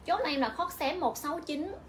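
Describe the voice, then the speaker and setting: High-voiced woman calling out prices. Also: expressive, a little hiss or hum. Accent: Vietnamese. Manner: repetitive, rapid-fire price calling. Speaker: livestream clothing seller. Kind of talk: livestream sales pitch.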